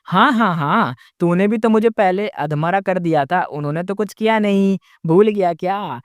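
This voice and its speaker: A man's voice: a little high, animated, normal speed, smooth, dry recording, lightly acted. A man doing a cold, mocking young noble. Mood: cold taunting. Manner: mocking, sarcastic, coldly threatening.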